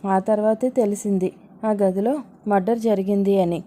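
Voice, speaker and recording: A woman's voice: mid-range voice, fairly even intonation, normal speed, mellow, slight background noise, lightly acted. A woman voicing a frightened young woman receptionist who pleads nervously. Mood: pleading.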